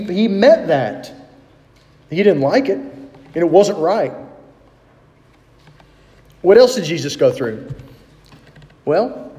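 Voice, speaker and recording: A man delivers a conversational sermon, reading scripture aloud and pausing to put questions to his listeners. His voice sits high yet mellow and soft-edged. The sound carries a long reverb, as in a large hall. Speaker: pastor.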